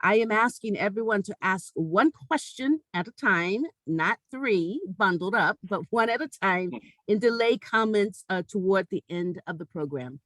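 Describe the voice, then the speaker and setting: A woman host reads a formal, measured introduction over a video call. Her voice sits at a middling pitch and comes across close and dry, with no room sound around it. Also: lively intonation, fairly bright tone, dry recording, low-quality recording. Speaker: talk show host.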